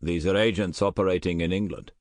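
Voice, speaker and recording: A man's voice: low voice, fairly quick, no room sound. A man voicing a shrewd, rotund British colonel in his sixties with a faint Scottish trace, asking clipped, dry questions in an audiobook. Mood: dry probing. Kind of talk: audiobook character voice.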